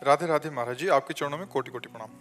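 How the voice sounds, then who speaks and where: A man's voice: on the high side, rapid-fire, a bit bright, faint music behind. A man reading out devotees' questions in a polite, respectful, formal way.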